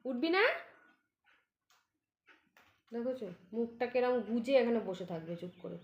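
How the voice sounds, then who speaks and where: Talking fairly quickly on a lo-fi recording, a pet vlogger chats in a room at home while coaxing her dog. She calls it in a high voice during her casual home vlog.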